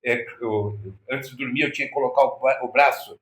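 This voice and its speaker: A man's voice: mid-range voice, fairly quick. Brazilian man telling a story. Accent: Brazilian Portuguese. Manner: acts out quoted dialogue in lively, shifting voices. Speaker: interview guest. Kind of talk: anecdotal storytelling. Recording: echoey room.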